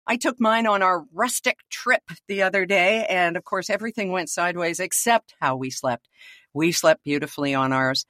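A woman's voice: on the low side, moderate pace, fairly bright tone, no room sound, studio quality. A woman co-hosting a podcast, chatting casually and laughing often as she tells stories. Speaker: podcast co-host. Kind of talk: casual chat.

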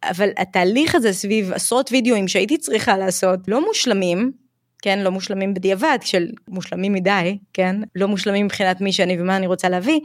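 Recorded dry and at studio quality, this mid-range female voice belongs to an English teacher and YouTuber from Israel. She's a podcast guest, talking openly and reflectively while weaving in English expressions.

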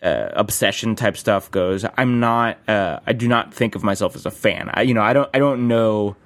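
A man co-hosting a casual film discussion, speaking haltingly with frequent agreeing interjections. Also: lowish voice. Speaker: podcast co-host.

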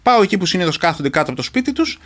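A middle-aged man from Greece, speaking with a notably high voice as an interview guest. He retells a personal experience earnestly and with feeling, often restarting his sentences mid-thought. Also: sing-song, fairly bright tone. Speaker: interview guest, reserve commando.

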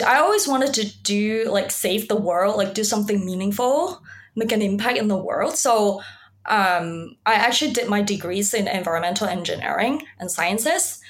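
A woman's voice: mid-range voice, a bit bright. A woman from Hong Kong speaking as a podcast guest, reflective, with frequent ums and restarts. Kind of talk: podcast interview.

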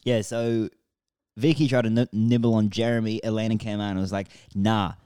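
A man's voice: lowish voice, little pitch movement, fairly quick, dark tone, smooth, no room sound, studio quality. A man co-hosting a podcast, chatting playfully with slang. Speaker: podcast co-host. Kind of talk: casual chat.

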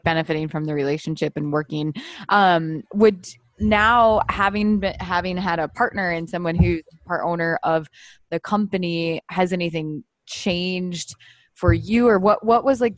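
A woman's voice: fairly low pitch, dry recording, clean studio sound. A woman hosting an interview, asking rambling, hesitant questions. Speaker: interview host. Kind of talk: casual interview talk.

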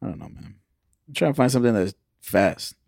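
A man's voice: medium pitch, lively intonation, brisk, creaky, a little mellow, no echo, studio quality. A man co-hosting a podcast, talking offhand and slangy with frequent swearing. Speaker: podcast co-host. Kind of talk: casual chat.

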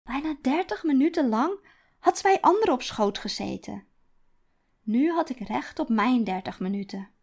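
A woman author reading her own first-person story aloud, quiet and deliberate. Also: high-pitched, animated. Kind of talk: storytelling narration.

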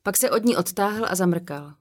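A woman narrating an audiobook in a calm, measured reading. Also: medium pitch. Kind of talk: scripted narration.

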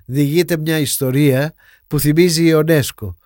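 A man narrating a documentary in a calm, measured, scripted way. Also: a little high, no echo, studio quality.

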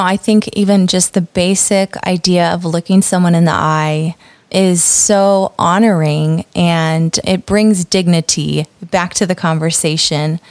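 A woman's voice: lowish voice, a little mellow, dry recording. A woman interviewing a guest, asking questions in an affirming, supportive way. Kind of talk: conversational interview.

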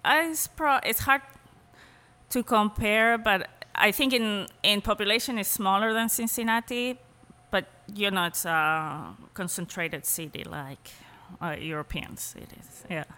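A woman from Spain with a Spanish accent, a guest speaking thoughtfully in a relaxed interview and laughing easily. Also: medium pitch, unhurried, long reverb tail. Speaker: cheesemaker guest. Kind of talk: casual interview conversation.

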